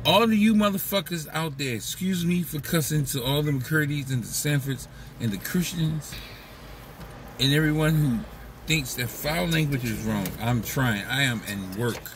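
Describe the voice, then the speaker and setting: A man's voice: a little high, normal speed, recorded from a distance, a little hiss or hum. A man talking through a casual, profane, rambling comedic monologue as a vlog host, slipping into mocking voices. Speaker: vlogger host.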